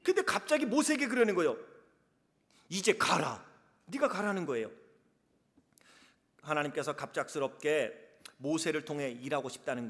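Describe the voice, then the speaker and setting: A male pastor preaching a sermon, dramatic, swinging between soft and emphatic delivery. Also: on the high side. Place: church sanctuary. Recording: reverberant church hall.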